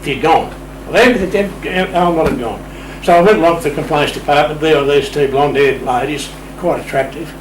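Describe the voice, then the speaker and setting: With barely a pause, an older Australian man tells a casual story as an interview guest, speaking fast in a slightly high voice. He plays it wry, playful and understated. The recording is roomy, made in a radio shack room on a distant mic with clear background noise.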